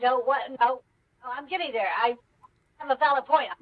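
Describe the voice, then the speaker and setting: A caller talking haltingly and restarting thoughts, heard through a pitch-raising voice changer on a line whose audio keeps cutting out. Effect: audio cutting out in dropouts. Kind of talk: call-in discussion. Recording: muffled distant call-in line with dropouts.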